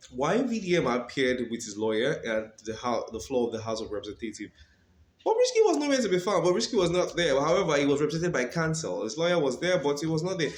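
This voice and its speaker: A man's voice: mid-range voice, echoey room, slight background noise. A Nigerian man hosting a legal commentary channel, talking casually and animatedly, often saying "come on".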